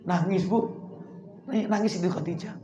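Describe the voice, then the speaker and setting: A hoarse male preacher, telling a story in a sermon and addressing the women in the audience directly. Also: high-pitched, moderate pace, mellow, lo-fi sound. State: hoarse, voice nearly gone. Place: hall at a women's religious gathering. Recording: echoey hall with light ambience.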